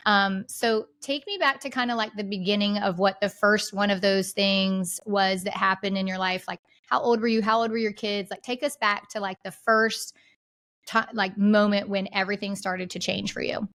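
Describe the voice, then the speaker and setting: A woman hosts an interview podcast, introducing her guest and asking questions with enthusiasm, her speech full of casual fillers like "like" and "you know." Her mid-range voice is steady, a bit bright, and moves at normal speed.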